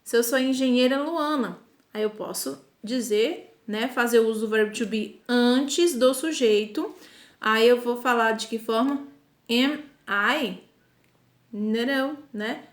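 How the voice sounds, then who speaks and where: A high-pitched woman gives a recorded lesson to schoolchildren. She talks patiently, pausing to check understanding and carefully slowing down on each English example. The room around her has a noticeable echo. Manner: patient, slow and deliberate, repeats "tá?" and "ok?" checks. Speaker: primary school English teacher.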